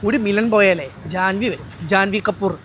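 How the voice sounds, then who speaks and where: A man's voice: sits high, normal speed, background noise, natural voice. A man playing a cheeky, teasing young man. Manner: teasing, mock-insulting banter. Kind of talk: Malayalam short drama acting. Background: background music.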